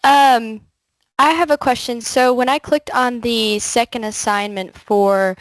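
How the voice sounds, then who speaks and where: A woman's voice: a little high, fairly even intonation, a little slow, dry recording, rough recording. A woman student asking her instructor a question over a video call, polite and a little hesitant. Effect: heard over a video call. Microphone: computer mic on a video call.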